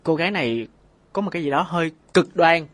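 A man with a moderately high voice co-hosts a relationship advice programme. He talks conversationally and reflectively, softening his opinions as he offers them. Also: lively intonation, fast, no echo. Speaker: radio co-host giving relationship advice.

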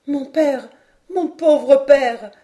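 A woman reading an audiobook, voicing a brave, tearful teenage girl in a high, imploring voice. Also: moderate pace, mellow, lightly acted. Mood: distraught.

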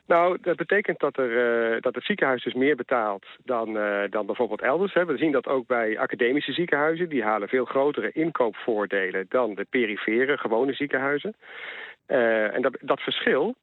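A man's voice: medium pitch, animated, normal speed, no echo. A man, a health economist, answering questions on news radio, hesitant with many fillers and restarts. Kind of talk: phone interview on news radio. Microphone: telephone. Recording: tinny phone line.

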